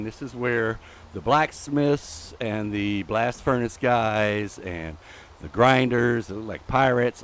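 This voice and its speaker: A man's voice: mid-range voice, a little hiss or hum. A middle-aged man hosting a live gameplay stream, out of breath from walking on a treadmill and chatting in a rambling way while talking to the game's creatures. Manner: chatty, rambling, talks to game mobs. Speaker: host.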